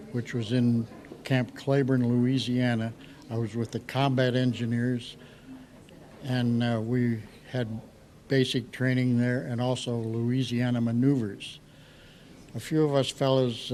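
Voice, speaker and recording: Slow-talking elderly American veteran, remembering. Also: male voice, mid-range voice, dark tone, slight background noise. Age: 80s. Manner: old veteran remembering, halting and reflective. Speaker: World War II veteran being interviewed. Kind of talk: recounting war memories in an interview.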